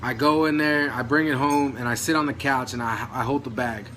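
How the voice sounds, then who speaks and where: A man's voice: medium pitch, fairly even intonation, fairly quick, bright, forceful tone, slight background noise. A man vlogging about diet in a loose, rambling way, full of fillers and mild swearing, a little out of breath. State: out of breath, dry throat. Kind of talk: casual rambling talk to camera.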